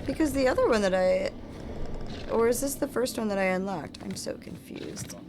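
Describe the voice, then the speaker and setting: A woman's voice: fairly high pitch, moderate pace, noisy background. A woman giving casual live commentary as she streams a game, playful and self-deprecating. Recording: music playing behind the voice.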